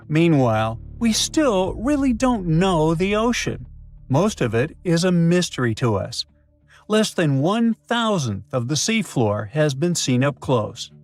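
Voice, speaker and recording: A man giving scripted educational narration, lively and breaking in with playful asides. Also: a little high, a little slow. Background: faint background music.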